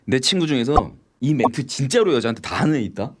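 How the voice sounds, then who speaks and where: A man's voice: medium pitch, fast. A middle-aged man hosting a late-night radio show, telling stories with lots of laughter and swearing and acting out both sides of the conversations himself. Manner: lively storytelling, swearing and laughing at cheesy lines. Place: radio studio. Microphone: studio microphone.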